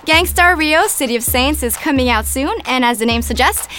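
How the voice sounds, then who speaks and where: Young female co-host, high-pitched, upbeat scripted news delivery. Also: lively intonation, fairly quick, bright, forceful tone, faint music behind. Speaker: podcast co-host. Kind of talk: scripted gaming news read.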